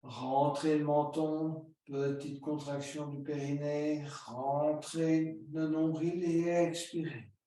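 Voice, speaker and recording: A man leading a yoga class, giving slow, calm breathing and posture cues step by step. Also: a little high. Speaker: yoga teacher. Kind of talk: guided yoga instruction. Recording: very echoey room, distant mic.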